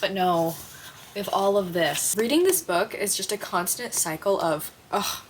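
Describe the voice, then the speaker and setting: A woman's voice: mid-range voice, a little slow, slight background noise. A young woman chatting casually in a reading vlog, full of "like" fillers. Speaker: vlogger. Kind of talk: casual chat.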